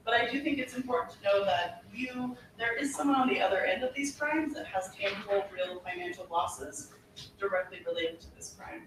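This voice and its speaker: An earnest policy presenter walks a committee through a briefing, steady and explanatory, with occasional "uh" and "um" as they gather thoughts. The voice sits well back from the microphone in a large, echoing hearing room. A clear layer of room noise runs underneath. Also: medium pitch, brisk. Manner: earnest, explanatory, frequent fillers. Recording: echoey hearing room from far off, with background noise.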